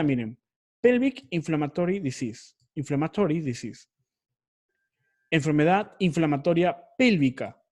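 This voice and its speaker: A man's voice: high voice, a little mellow. A man teaching an online research class, explaining step by step and often repeating or correcting himself.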